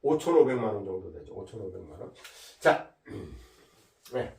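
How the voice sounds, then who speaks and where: A middle-aged man teaches English in a slow, lively voice that rises and falls a lot. He repeats each word and draws his example sentences out patiently. The room rings, and he sits back from the mic. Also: low voice, creaky. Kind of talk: online English lesson. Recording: roomy echo, mic at a distance.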